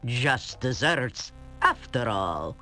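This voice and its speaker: A woman's voice: very deep voice, gravelly, pushed and bright, full character voice. A woman voicing a gleeful, menacing old witch who taunts in a sing-song, cackling way. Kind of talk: game voice acting. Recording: game audio with faint music.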